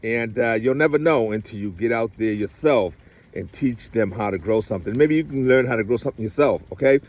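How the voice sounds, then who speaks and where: A man's voice: mid-range voice, a little fast. Guy showing off a church garden outdoors, rambly, lots of uhs and you knows, sorta enthusiastic. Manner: rambling, warm-hearted, many fillers and restarts. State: getting rained on. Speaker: garden mentor to youth. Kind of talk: casual outdoor garden vlog.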